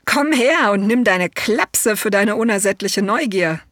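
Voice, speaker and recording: A woman voicing a crowd of scolding animal relatives in a storybook, loud and exclaiming. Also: mid-range voice, expressive, measured pace, no room sound, studio quality.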